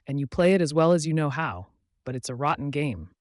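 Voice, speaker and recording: A man voicing a tender and fragile young woman in love, speaking softly and pleadingly in an audiobook reading. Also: a little high, lively intonation, fairly quick, dry recording, clean studio sound, natural voice. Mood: wistful.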